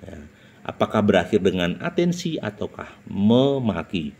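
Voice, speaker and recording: Pria berlogat Jawa, suara agak rendah dan sangat ekspresif, gaya guru yang memberi tips berbicara di depan umum. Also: male voice, big pitch swings, unhurried, creaky, darkish tone. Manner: emphatic, jumps up in pitch to announce each numbered point; rhetorical questions, frequent "nah" and "ya". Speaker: public speaking teacher. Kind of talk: instructional talk.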